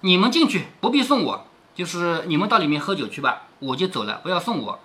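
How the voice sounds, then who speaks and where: A man's voice: high voice, sing-song, fast talker, sharp tone, heavily acted. A man reading as a curt proud swordsman. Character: proud wandering young swordsman, curt and aloof.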